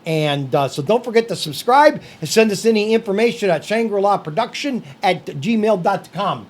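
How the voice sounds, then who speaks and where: A man's voice: high-pitched, expressive, normal speed. A man hosting a casual podcast, rambling and heated, with many restarts and filler words. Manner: heated, raising his voice on his points. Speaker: podcast host. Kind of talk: casual talk-show rant.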